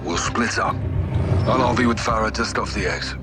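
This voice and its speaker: An actor playing a gruff, resolute British special forces captain in a game, terse and commanding. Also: male voice, fairly low pitch, normal speed, close to an everyday voice. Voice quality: gravelly. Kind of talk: cinematic game acting. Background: dramatic music.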